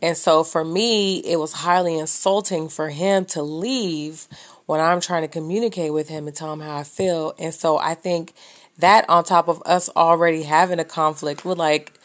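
A woman with a fairly low voice chatting on a podcast about her marriage. She talks emphatically, often lively and ready to laugh. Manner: animated, quick to laugh, emphatic. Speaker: married co-host. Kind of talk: casual chat.

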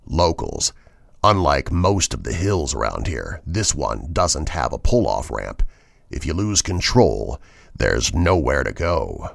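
A cold, threatening trucker drawls his words out slowly and low, each sentence sinking deeper than the last, as a man reading the story puts him on. The voice sits very low and is recorded close and dry, with no room around it. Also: very animated, creaky, dry recording, heavily acted. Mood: menacing. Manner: slow, low, ominous drawl. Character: menacing male trucker on the CB, slow and cold.

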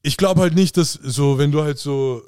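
A young man talks casually and reflectively on a podcast, with a laid-back, slangy manner. His voice sits a little high for a man. The recording is dry and close. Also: normal speed, a little mellow, smooth, dry recording. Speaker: podcast co-host. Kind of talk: casual chat.

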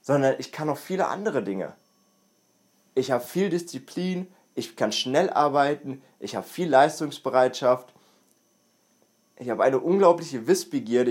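A man's voice: on the high side, a little mellow, slightly rough. A young man hosting a podcast, talking in a casual, earnest monologue and repeating words for emphasis. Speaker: podcast host. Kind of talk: casual self-improvement monologue.

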